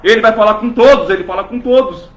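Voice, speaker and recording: Fervent high-voiced male preacher, echoey church. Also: quick pace, a bit bright. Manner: fervent, rhetorical questions, voices imagined churchgoers. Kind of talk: sermon.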